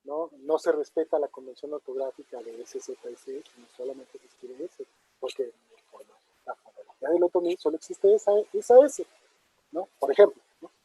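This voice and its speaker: Man, dark husky lecturing voice. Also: mid-range voice, fairly quick, no room sound. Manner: thinks aloud with many fillers and tag questions. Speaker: linguist answering audience questions. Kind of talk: casual academic talk. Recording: dull muffled online talk audio.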